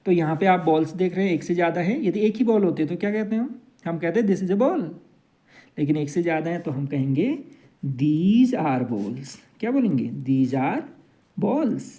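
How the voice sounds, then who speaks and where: A man's voice: sits high, expressive, mellow. A man teaching an English grammar lesson, drawing out each example sentence. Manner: slow, drawn-out example sentences.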